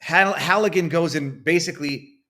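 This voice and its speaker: A man's voice: a little high, normal speed, pushed and bright. A man hosting a political commentary show, talking conversationally with frequent hesitations and reading viewer chats aloud. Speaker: host.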